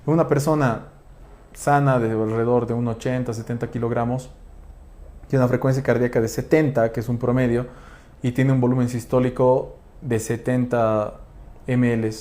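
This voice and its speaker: Mellow-voiced man teaching physiology. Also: mid-range voice, little pitch movement, normal speed. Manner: didactic, asks rhetorical questions with tag checks. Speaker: physiology lecturer. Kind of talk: explanatory lecture.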